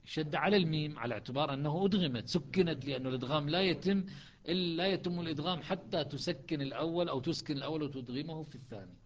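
Brief: man, Quran recitation teacher, slightly high voice, dull lo-fi classroom recording. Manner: explains step by step, breaks into slow chanted recitation. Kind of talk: classroom lesson on Quranic readings.

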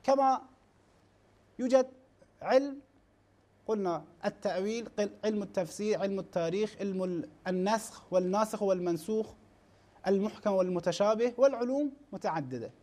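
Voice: medium pitch, warm tone. A teacher giving a classroom lecture, often stopping to ask the class questions and restarting words as he or she lists terms. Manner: asks rhetorical questions and checks in with "ha?"; halting, restarts words, spells out lists slowly.

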